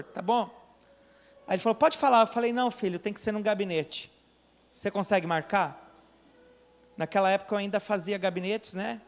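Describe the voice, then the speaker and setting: Man, pastor, high voice, sermon storytelling, acts out dialogue, long church-hall reverb. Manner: storytelling, acts out the people he quotes, asks the congregation questions. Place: church during a service.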